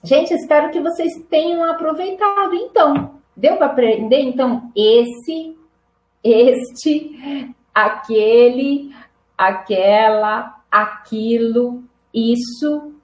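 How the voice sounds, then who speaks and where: Speaking slowly in a high voice from an echoey room, a middle-aged Brazilian woman gives a live online Portuguese lesson. She patiently repeats examples and frequently checks understanding with "né?" and "tá bom?".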